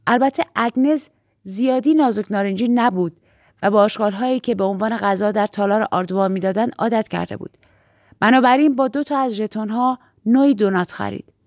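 A woman reading a first-person novel aloud as an audiobook narrator, in a measured, steady storytelling manner. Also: medium pitch, no echo, clean studio sound.

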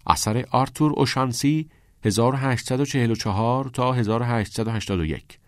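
A man narrating an audiobook in a calm, even storytelling manner. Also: mid-range voice, dry recording, studio quality.

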